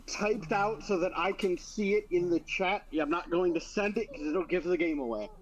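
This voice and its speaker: A man's voice: high voice, normal speed, highs cut off. A man playing a tabletop game, rambling and tripping over his words. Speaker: player. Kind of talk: casual chat at a game table.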